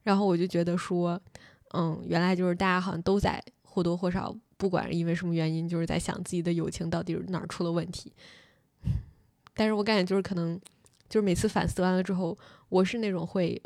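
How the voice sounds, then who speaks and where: Fast-talking young woman, casual chat. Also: lowish voice, level tone, darkish tone, no echo, studio quality. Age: young adult. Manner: rapid storytelling with many fillers. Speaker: podcast host.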